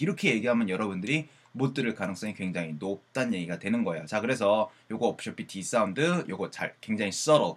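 A man who teaches English pronunciation in an online lesson. He asks questions and answers them himself, and he drills words slowly, repeating each one. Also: fairly low pitch, husky.

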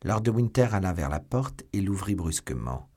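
A man narrating a classic novel as an audiobook, reading in a steady, literary manner. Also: sits low, moderate pace, husky. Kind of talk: scripted narration.

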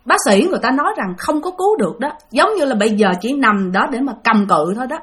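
High, lively Southern Vietnamese woman storyteller. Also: fast. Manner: chatty, addressing listeners directly. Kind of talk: spoken ghost-story narration.

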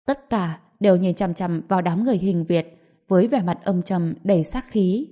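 A woman narrating a martial-arts story in a steady, measured way. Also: fairly low pitch. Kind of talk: scripted narration.

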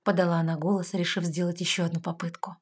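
A woman narrating a romance novel in an even, measured reading. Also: lowish voice, husky. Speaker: audiobook narrator.

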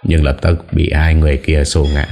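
A man narrating an audiobook drama in a steady, dramatic way. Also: very deep voice, normal speed, gravelly. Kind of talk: scripted story narration.

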